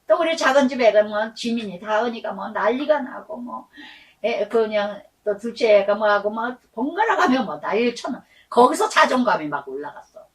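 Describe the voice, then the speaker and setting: A middle-aged woman pastor preaching a sermon, telling stories in a lively way and acting out the voices she quotes, stretching words for emphasis. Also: fairly high pitch, moderate pace, recorded from a distance, rough recording.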